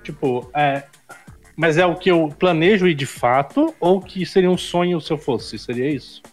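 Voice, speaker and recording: A man's voice: on the high side, moderate pace, faint music behind. A Brazilian man with a Brazilian Portuguese accent chats casually on a podcast, slangy and full of tag questions.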